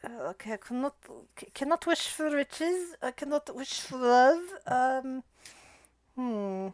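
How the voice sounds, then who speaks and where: A woman's voice: sits high, a little slow, no echo. A woman voicing a startled, hesitant male cat-man pawnbroker who stammers, in a tabletop game. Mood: pondering.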